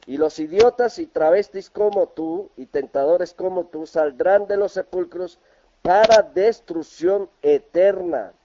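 A Colombian man with a slightly high voice delivers a heated scripture rebuttal, mixing Bible verses with scornful insults. The audio is muffled and lo-fi, like a reposted video clip. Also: unhurried, noisy background. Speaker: religious debater in a video reply.

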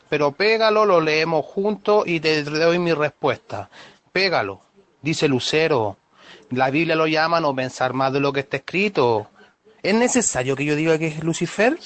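Man in a debate, firm, quoting verses, dry close sound, slightly high voice. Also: no echo. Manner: firm, quotes scripture. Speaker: religious debater. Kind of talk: online debate voice chat.

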